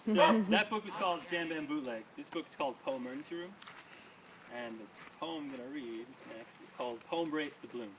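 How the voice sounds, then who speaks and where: A man with an animated, higher voice briskly performs his own poems before a small audience, rhythmic and emphatic, with casual asides thrown in. The sound comes from a distant microphone in a noisy live room.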